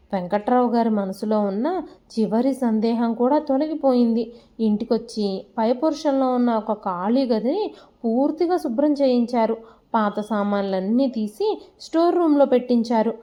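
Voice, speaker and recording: A woman telling a scripted emotional family story as a storyteller, reading in a steady, emotive way. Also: a little high.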